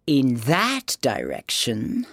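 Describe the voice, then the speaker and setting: A man's voice: medium pitch, huge pitch swings, a bit bright, no echo, clean studio sound, pitched above the performer's own voice, full character voice. A man voicing a languid, good-natured, teasing cat in a storybook, drawing out the words nonchalantly. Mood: languid, amused. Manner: drawn-out, nonchalant.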